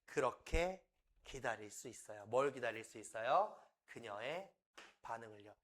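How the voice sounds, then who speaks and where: A man's voice: medium pitch, animated, normal speed, fairly bright tone. A man teaching English for exam prep, animatedly acting out dialogue lines and repeating key points to his students.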